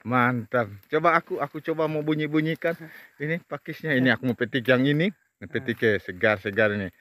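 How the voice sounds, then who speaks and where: A man vlogging outdoors in an oil palm plantation, chatting casually as he walks. He hums a lot and repeats words in a slow, drawn-out way. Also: medium pitch, fairly bright tone, no room sound.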